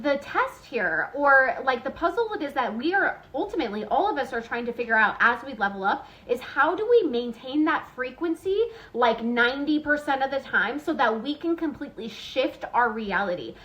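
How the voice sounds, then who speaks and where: High-voiced woman giving a spiritual reading. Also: a bit bright, poor audio. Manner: rambling, repeats herself, fillers and restarts; earnest, encouraging. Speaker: spiritual reader. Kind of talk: channeled collective reading.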